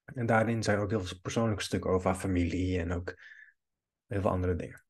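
Man, low husky voice, editing tutorial, rambling asides, desk mic. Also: fairly even intonation, brisk. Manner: rambling asides, talks while clicking through edits. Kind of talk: screen-recorded editing tutorial commentary.

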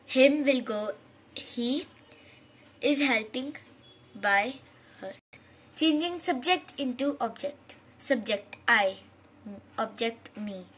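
A woman teaches a grammar lesson at a very unhurried pace. She reads her points aloud hesitantly, stopping to restart words. Her voice is fairly high and has a husky edge. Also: animated, a bit bright. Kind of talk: slow explanatory grammar lesson.

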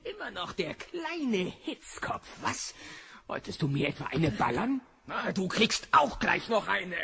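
An actor playing a brutish, bullying rich husband in an audio drama, sneering and menacing. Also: male voice, high voice, very animated, unhurried, creaky, a bit bright, a little hiss or hum, heavily acted.

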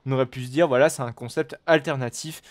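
A man giving live commentary on a game, excitable and rambling, with frequent swearing and exclamations. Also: mid-range voice, quick pace. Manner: rambling with many fillers and restarts. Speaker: gaming video host.

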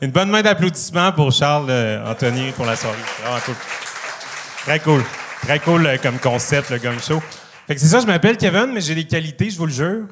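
Young quebec comic guy on stage, slightly high voice, keeps laughing at his own bits. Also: fairly quick, crowd noise, noisy background. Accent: Quebec French. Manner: self-deprecating, laughs at his own jokes. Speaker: stand-up comedian. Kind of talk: stand-up routine. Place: comedy club stage.

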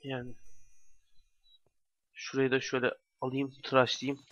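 A man's voice: mid-range voice, completely flat delivery, a little slow, a bit bright. A young man giving casual let's play commentary, talking to himself with bursts of exasperation. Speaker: gamer commentator. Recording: dry, dull lo-fi home mic.

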